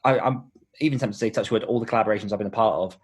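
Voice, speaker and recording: His voice is husky, on the low side, and very fast. The speaker, a podcast host and author, is the interviewee here, offering sincere explanations and thinking aloud in a conversational exchange.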